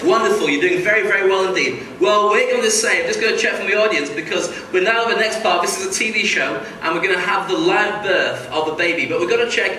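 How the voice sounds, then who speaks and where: A man with a high voice hosts a live comedy hypnosis show. He teases volunteers and repeats himself as he works the stage. His voice comes from far off in an echoing hall, with clear noise behind it. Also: fast, hardly any pauses, sharp tone. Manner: teasing, repeats answers and instructions. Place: large indoor theatre stage with audience. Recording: echoey noisy theatre, distant sound.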